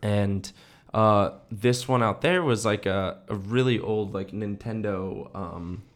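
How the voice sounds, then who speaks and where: This young adult man co-hosts a podcast, slowly spinning stories in a lowish voice. His casual, animated retellings are slangy and packed with "dude" and "like."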